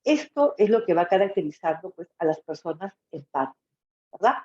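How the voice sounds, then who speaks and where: A Peruvian woman, a psychology lecturer, gives an informal, didactic lecture in a soft, mellow, lowish voice with lively intonation, speaking a little fast. She often checks that listeners follow with brief tag questions. The audio is dull and muffled, with lots of room echo.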